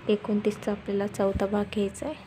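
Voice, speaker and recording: A woman giving a step-by-step sewing tutorial, speaking softly and quietly at night, repeating steps as she goes. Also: medium pitch, monotone, quick pace, noisy background. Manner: instructional, repeats steps and measurements.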